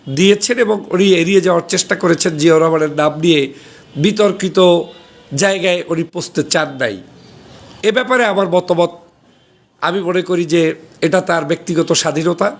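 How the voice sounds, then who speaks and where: A man with a notably high voice delivers a political commentary monologue. He argues his points emphatically and builds his case step by step. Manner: argumentative, emphatic.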